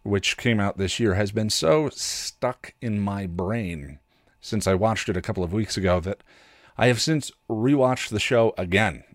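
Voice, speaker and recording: In a casual podcast chat, the male host thinks aloud while recommending streaming shows in an enthusiastic, rambling way. He has a lowish voice, and the studio-quality recording carries no room sound.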